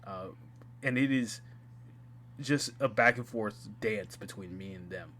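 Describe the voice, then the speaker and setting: A man talking casually over his gameplay as a gaming YouTuber, chatty and quick to laugh at himself. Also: fairly low pitch, fairly bright tone, slight background noise. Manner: chatty, laughs at himself, restarts mid-sentence. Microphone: home gaming mic.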